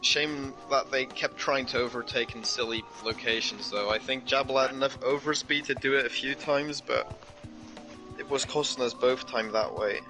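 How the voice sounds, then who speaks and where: A man's voice: medium pitch, fairly even intonation, normal speed, music in the background, rough recording. A man reviewing a sim race in casual livestream chat, with matter-of-fact remarks. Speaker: sim racing league driver.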